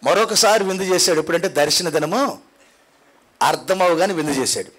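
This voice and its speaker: Man, pastor, high voice, dramatic sermon, hushed asides and rising repeated cries, church hall. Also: expressive, a little fast. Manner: repeats phrases in climbing builds. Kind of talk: Sunday sermon.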